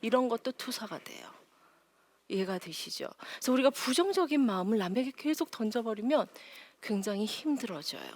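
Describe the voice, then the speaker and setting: A woman giving a lively parenting lecture, acting out quotes in high voices and dropping to near whispers for emphasis. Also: brisk, no echo. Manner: animated, acts out quotes in high voices, laughs often. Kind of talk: lively lecture to a live audience.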